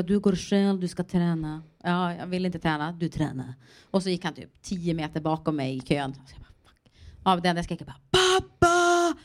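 Woman, slightly low-pitched, chatty and animated, casual panel talk. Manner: chatty, animated storytelling with laughter. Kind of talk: casual post-show conversation.

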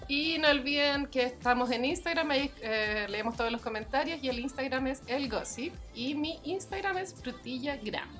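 A woman's voice: high voice, expressive, moderate pace, hardly any pauses, fairly bright tone, faint music behind. A woman with a Chilean accent co-hosting a podcast, chatting casually with lots of slang and frequent laughter. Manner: laughing often, slangy and playful. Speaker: podcast co-host. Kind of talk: casual chat.

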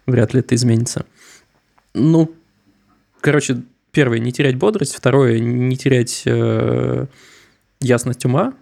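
A man's voice: medium pitch, fairly even intonation, unhurried, gravelly, long pauses, darkish tone. A young man co-hosting a podcast, chatting loosely with a wry, slightly sarcastic humor. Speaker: podcast co-host. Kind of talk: casual discussion.

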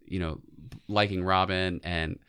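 A man's voice: deep voice, steady tone, unhurried, bright, forceful tone, smooth. A man in his forties co-hosting a podcast, chatting casually about pop culture. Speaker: podcast co-host.

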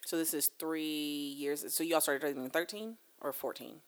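An interview host, a woman, leads a casual conversation, speaking emphatically and driving her points home with repeated phrases. Her voice is low with lively intonation at a normal speed.

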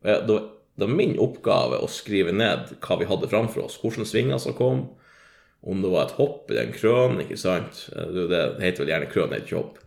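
A man with a low, gravelly voice tells a story as a guest in a casual chat, swearing freely and getting excited. He laughs a lot and fills his speech with fillers, and the room gives off a noticeable echo.

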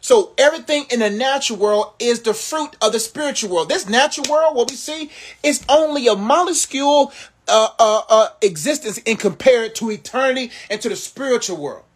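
A man's voice: very high-pitched, animated, brisk. A man preaching and motivating viewers in a live social media Q&A, talking to them like family in a rhythmic, sermon-like way.

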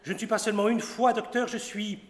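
Boastful pedant doctor played by a man, lecturing, showing off Latin, higher voice, roomy hall with long reverb. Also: little pitch movement, fairly quick, lightly acted. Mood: pompous. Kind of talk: theatrical stage acting of classic comedy.

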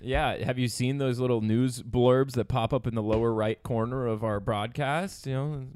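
Brief: mid-pitched man, sarcastic podcast co-host, dry close mic. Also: normal speed, clean tone, no echo. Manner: sarcastic, animated banter. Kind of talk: casual chat.

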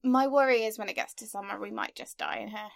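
A woman's voice: mid-range voice, fast talker, vocal fry, no echo, clean studio sound. A woman co-hosting a casual podcast, playful and teasing, laughing often, in a tiny sound booth. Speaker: podcast co-host.

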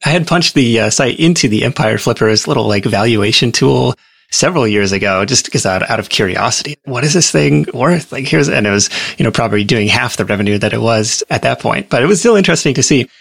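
A man being interviewed, easygoing and rambling, sprinkling his story with fillers. His voice is husky and rough with fry. The sound is dry, with no room echo. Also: mid-range voice, animated, a little fast, a bit bright. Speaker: guest. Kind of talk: casual interview.

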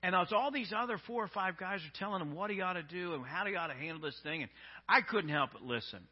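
A man's voice: sits high, quick pace, breathy edge, lo-fi sound. A male pastor giving a sermon, telling stories conversationally with frequent restarts. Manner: conversational storytelling with many restarts.

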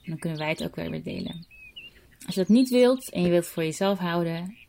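A woman's voice: fairly low pitch, fairly quick, gravelly, mellow, a little hiss or hum. A woman hosting a podcast, speaking to listeners in a friendly, inviting way. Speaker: podcast host. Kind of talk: scripted address to listeners.

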